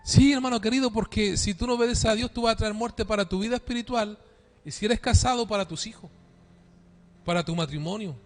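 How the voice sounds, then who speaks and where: Pastor, male, high-pitched, dynamic preacher asking questions, faint music behind. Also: brisk. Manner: dynamic preaching, calls for amen, rhetorical questions. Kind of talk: sermon. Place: church.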